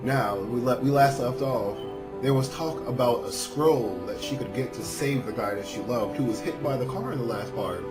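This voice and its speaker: A man hosts a let's play, reading a visual novel aloud and commenting into a dedicated microphone. His mid-range voice moves at a normal pace while loud game music plays behind it.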